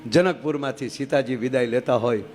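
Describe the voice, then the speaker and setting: A man telling folk stories on stage, lively and joking, switching between voices. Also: mid-range voice, brisk, faint music behind. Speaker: folk storyteller. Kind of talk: live humorous folk storytelling.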